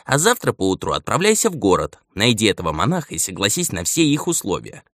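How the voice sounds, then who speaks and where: A crusty old steward, patient until he snaps into a stern scolding, as a male narrator puts him on. The delivery swings widely in pitch and sits in a dry, close sound. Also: huge pitch swings, fast talker, fairly bright tone, no echo, exaggerated voice. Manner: nagging, lecturing elder.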